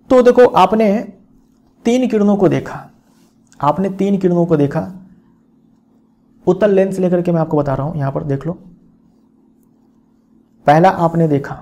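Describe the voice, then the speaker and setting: Gravelly man teaching a lesson. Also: sits high, mellow. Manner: explanatory, repeats key phrases, checks in with "theek". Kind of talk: classroom physics lesson.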